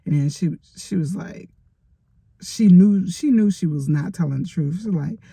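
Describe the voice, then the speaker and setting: A middle-aged woman talks through a rambling storytime from her parked car, her voice mellow and gravelly with a husky edge. The sound is close and dry, picked up by a phone. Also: on the low side, moderate pace, no echo. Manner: rambling, chatty storytelling with many fillers. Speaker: vlogger. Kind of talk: casual storytime vlog.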